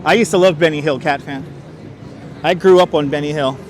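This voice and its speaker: A man's voice: on the high side, fairly quick, faint music behind. Chatty New man on a walking stream. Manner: chatty, reads chat aloud, chuckles often. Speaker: livestream host. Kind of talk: live walking stream narration. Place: city street outdoors. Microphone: wireless clip-on mic.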